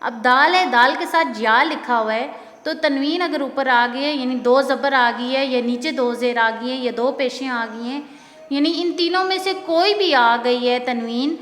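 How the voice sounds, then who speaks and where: Slow, drawn-out woman teacher in reverb. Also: high-pitched, fairly bright tone. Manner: drills each letter, drawing out words and checking understanding. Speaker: Quran reading teacher. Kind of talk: slow recited lesson.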